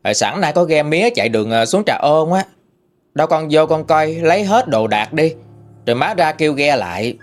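A man's voice: on the high side, lively intonation, a little fast, soft background music, close to an everyday voice. A man doing a stern old village matriarch with a Southern Vietnamese accent. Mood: coaxing. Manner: bossy, blunt countryside speech. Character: stern, sharp-tongued old woman, family matriarch.

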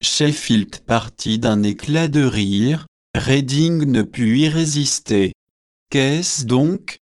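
Slow, measured male audiobook narrator. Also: medium pitch, dry recording, clean studio sound. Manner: measured, unhurried reading. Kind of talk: scripted narration.

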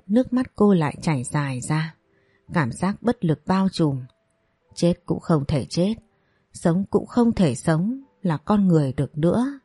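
A woman reading a dramatic story in a steady narrative voice. Her tone is low and dark. The recording is dry and close. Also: husky, no echo.

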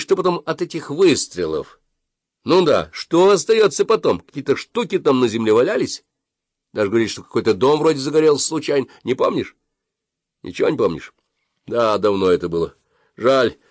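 Man doing a flustered apologetic dad, lively up and down, dry close audio. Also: medium pitch, dry recording, voice pushed up. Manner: pleading, flustered. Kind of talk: audiobook character voice.

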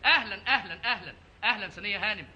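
A hearty, rapid-fire Egyptian host welcoming guests, played by a man in an old radio comedy. The recording is dull and hissy. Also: high voice, natural voice. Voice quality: hearty, laughing. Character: jovial, hospitable male dinner host.

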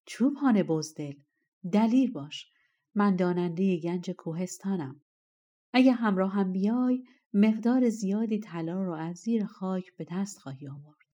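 A woman's voice: mid-range voice, animated, mellow, natural voice. A woman voicing an ancient bearded male treasure spirit of the mountains, harsh and scornful, in a storybook reading. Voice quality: harsh, rough. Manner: scornful, insistent.

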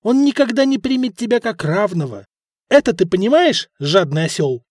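A man's voice: sits high, sing-song, moderate pace, dry recording, studio quality, voice pushed up. A man reading an audiobook, voicing an irritable, ironic Roman ex-officer who talks in a sarcastic, scolding way. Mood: scornful.

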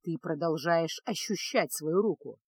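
A woman puts on a gloomy male mage in a storybook reading. He talks low and measured, like a teacher who has explained this too often. The sound is dry and close. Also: breathy edge, no echo. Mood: calm lecturing.

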